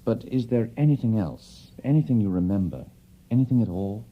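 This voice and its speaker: A restrained, caring Victorian doctor speaks in a low, very dark voice with lively intonation. The audio drama delivery is measured and professional, on a muffled recording. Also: male voice. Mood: solicitous. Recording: muffled recording with faint noise.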